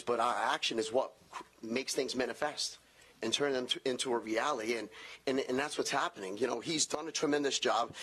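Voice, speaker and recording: A man's voice: mid-range voice, fairly bright tone, slightly rough. A man born in Portugal giving an earnest public comment at a city council meeting, with frequent restarts.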